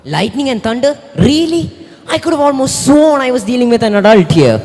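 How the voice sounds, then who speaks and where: A man's voice: extremely high pitch, big pitch swings, moderate pace, darkish tone, full character voice. A man playing a smug sea god who taunts his rival, in a sarcastic, theatrical stage manner. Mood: mocking. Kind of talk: amateur stage skit. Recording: echoey hall.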